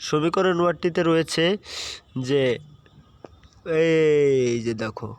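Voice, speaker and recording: A man's voice: a little high, takes it slowly, clear, resonant tone. A man teaching an admission-prep lesson, patient and repeating key points while checking understanding. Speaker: admission tutor. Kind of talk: online exam-prep lesson.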